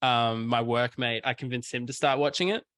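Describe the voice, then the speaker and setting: A man's voice: mid-range voice, moderate pace, dry recording, studio quality. A young man, hosting a casual podcast chat and telling stories with acted-out quotes. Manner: animated storyteller, acts out quotes. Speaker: podcast host.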